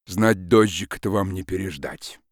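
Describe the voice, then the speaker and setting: A man voicing a gruff, sullen forester who speaks in curt commands, read as an audiobook. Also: low-pitched, measured pace, voice pushed down. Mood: grumbling. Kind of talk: audiobook reading.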